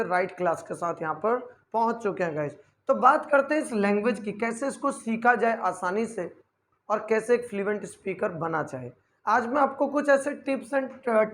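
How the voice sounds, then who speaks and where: A man's voice: sits high, a bit bright. A man, an English teacher giving an online spoken-English lesson. He explains patiently, keeps addressing his students as "guys" and spells out example words letter by letter.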